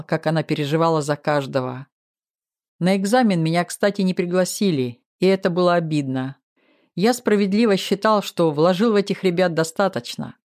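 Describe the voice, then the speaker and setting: A man's voice: high voice, a little mellow. A man steadily narrating a first-person audiobook.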